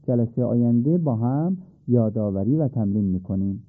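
A man's voice: medium pitch, no echo. A man teaching Arabic letter pronunciation for prayer and Quran recitation, patiently repeating and demonstrating sounds. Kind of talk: radio-style pronunciation lesson. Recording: tinny phone-like dry sound.

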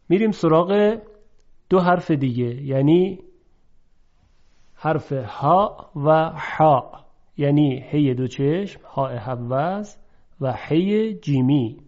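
Guy teaching pronunciation, kinda high voice, explains step by step, muffled lo-fi sound. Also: darkish tone. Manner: methodical, explanatory, drawing out example words slowly. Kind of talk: pronunciation lesson. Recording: dull lo-fi recording.

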